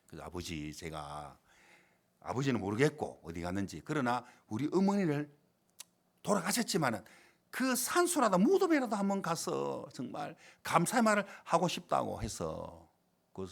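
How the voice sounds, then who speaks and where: A man's voice: medium pitch, huge pitch swings, measured pace, creaky. A male pastor delivering a sermon, emphatic, with rhetorical questions and retold stories. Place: church sanctuary.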